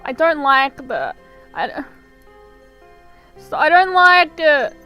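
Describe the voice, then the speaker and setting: A young woman plays a game live with a very high, lively voice that swings between quiet muttering and panicked shrieks. Her tone is bright and clear, and she talks slowly between outbursts. She speaks into a desk microphone at home, with soft music behind her. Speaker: streamer. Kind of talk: live gaming stream commentary.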